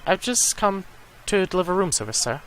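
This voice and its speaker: A man's voice: high-pitched, big pitch swings, a little fast, a bit bright, a little hiss or hum, pitched above the performer's own voice, low-quality recording. A man doing a stiff, overly polite bellboy. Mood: courteous. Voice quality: stiff, formal, ends lines with "sir". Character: overly polite male hotel bellboy, formal and fussy. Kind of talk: reading game dialogue aloud in a let's play.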